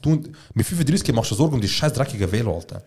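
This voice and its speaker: A man's voice: medium pitch, animated, fast talker, a little mellow, slight background noise. A young man with a Swiss German accent, co-hosting a podcast in casual chat and reacting bluntly with swearing and outrage. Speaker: podcast co-host.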